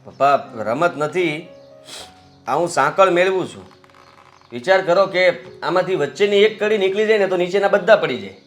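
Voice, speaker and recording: An earnest young son, respectful and pleading. His voice is slightly high, with a soft musical bed beneath it. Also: expressive, moderate pace, faint music behind. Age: young adult. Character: obedient young son working in family office.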